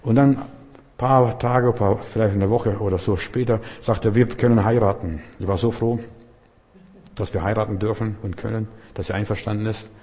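A man's voice: fairly low pitch, steady tone, moderate pace, dark tone, breathy edge. A middle-aged man preaching a sermon, emphatic and conversational, telling stories with colloquial asides. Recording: long reverb in a hall.

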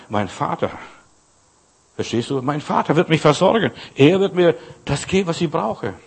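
A man's voice: medium pitch, breathy edge. An older man preaching a sermon, earnestly speaking straight to the listener and quoting scripture. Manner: earnest, addresses listener directly, quotes scripture.

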